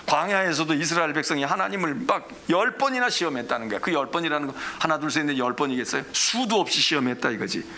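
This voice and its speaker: A male pastor giving a Bible study lecture, acting out God and the people in lively, casual speech. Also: a little high, quick pace, few pauses.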